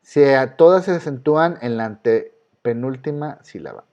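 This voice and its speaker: A man's voice: mid-range voice, expressive, normal speed, darkish tone, clear, resonant tone, muffled recording. A man with a Mexican Spanish accent teaching an online class, patiently explaining step by step and asking his students questions. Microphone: video call.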